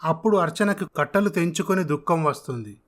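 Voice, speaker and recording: A man with a slightly high voice tells a family tale in a steady, even manner. He narrates scene after scene as a storyteller. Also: fairly quick.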